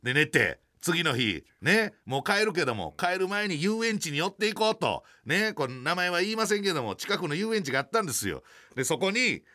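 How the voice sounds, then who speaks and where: A man with a Kansai accent telling a comic anecdote in casual talk, animated and acting out other people's voices. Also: sits high, brisk. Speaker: storyteller.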